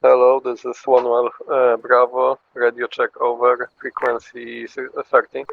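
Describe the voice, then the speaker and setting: A man's voice: medium pitch, completely flat delivery, moderate pace, vocal fry. A man hesitantly making military radio checks in a game, his voice coming over a muffled radio. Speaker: squad member in training.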